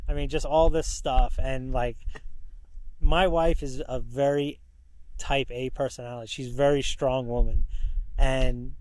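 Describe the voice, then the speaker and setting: A man's voice: medium pitch, steady tone, unhurried, a little mellow, dry recording, rough recording. A middle-aged man telling stories casually and frankly as a podcast guest, self-deprecating and mildly profane. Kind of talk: casual, candid storytelling.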